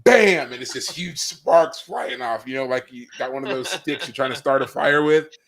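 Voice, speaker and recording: A man co-hosting a podcast, chatting casually and retelling scenes with lively exclamations. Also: mid-range voice, normal speed. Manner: animated storyteller, acts out scenes with loud exclamations. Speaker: podcast co-host. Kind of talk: casual chat. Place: live podcast recording.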